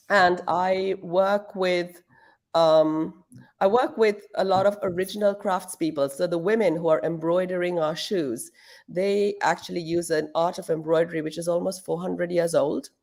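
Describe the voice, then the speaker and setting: Gravelly low-voiced middle-aged woman from Pakistan. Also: darkish tone. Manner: thoughtful, with frequent fillers and restarts. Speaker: guest, shoe brand founder. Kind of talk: casual interview answers. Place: at home.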